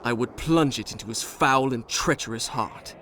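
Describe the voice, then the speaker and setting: A man's voice: medium pitch, moderate pace, bright, forceful tone, a little hiss or hum, lightly acted. An actor playing a young, proud, remorseful Persian prince who tells his story in a formal, theatrical way, as dramatic video game narration. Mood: bitter resolve. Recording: music behind the voice.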